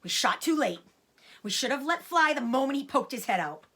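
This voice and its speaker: A woman voicing a gruff, determined male farmer out hunting in a children's storybook, blunt and impatient. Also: high-pitched, big pitch swings, brisk, bright, forceful tone, a little hiss or hum, voice pushed up, full character voice.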